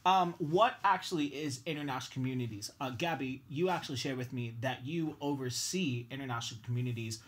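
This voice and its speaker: A man hosting a casual panel chat with students, upbeat and quick to laugh. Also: medium pitch, fairly bright tone. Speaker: host.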